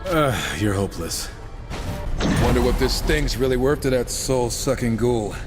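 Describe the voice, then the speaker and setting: This is video game cutscene acting, the performer voicing a male horseman who is impatient, sarcastic, flippant and full of wisecracks. Here his mid-range voice moves at a measured pace and sounds close to everyday speech, while music and a long hall reverb fill the background.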